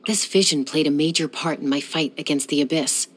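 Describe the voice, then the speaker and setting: This game character, a flying gunslinger who settles disputes with self-assured, dry teasing, is voiced by a young woman in video game voice lines. Her voice is low and husky, a little fast, with a cool mood.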